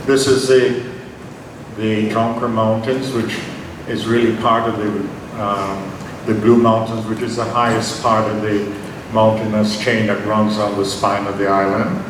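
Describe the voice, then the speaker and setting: A man, giving an unhurried, personal academic lecture with slides and frequent ums. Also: on the low side, little pitch movement. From Jamaica. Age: 70s. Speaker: invited lecturer. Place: large conference hall. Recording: very echoey hall, distant mic, noisy.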